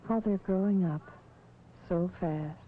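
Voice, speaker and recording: An actress playing a thoughtful, worrying mother who narrates a vintage educational film in an earnest, measured, sentimental way. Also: lowish voice. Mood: reflective, earnest. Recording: tinny, noisy vintage film soundtrack.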